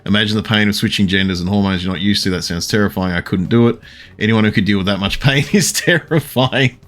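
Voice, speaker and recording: A man streaming a video game live, talking casually and answering his chat with frequent pauses to think. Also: lowish voice, a bit bright, faint music behind. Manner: responds to chat messages, pausing often to think.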